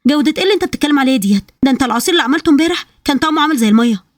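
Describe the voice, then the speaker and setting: A woman's voice: sits high, expressive, dry recording, clean studio sound. A woman doing a sassy young Egyptian fiancée. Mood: needling. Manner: sassy, quick retorts. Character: bickering young woman, sharp-tongued fiancée.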